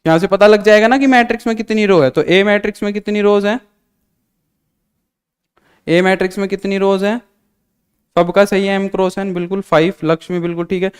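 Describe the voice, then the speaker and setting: High-voiced man teaching a live maths class. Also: steady tone, a little fast, pauses often, clean tone, long reverb tail. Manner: repetitive question-and-answer drilling, calls students beta. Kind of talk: live online class lecture.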